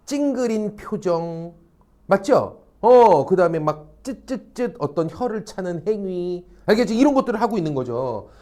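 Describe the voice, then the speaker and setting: Male cram-school social studies teacher, fairly high mellow voice, animated, rhetorical, a bit crude. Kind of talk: lecture to high school students.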